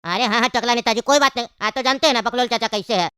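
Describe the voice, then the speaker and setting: A woman voicing a smooth-talking, scheming male friend in a cartoon comedy, coaxing and persuading. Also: a little high, very fast, fairly bright tone, no room sound, clean studio sound, lightly acted.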